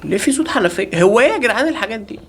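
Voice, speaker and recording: شاب بلهجة مصرية يعلق على لعبة رعب وهو يلعب، يصرخ ويهزر مع المتابعين. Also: male voice, high-pitched, sing-song, racing, creaky, a little hiss or hum. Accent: Egyptian Arabic. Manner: panicky, yelling in bursts while being chased; jokey, talks to viewers and the game. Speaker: gaming channel host. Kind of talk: live horror game commentary.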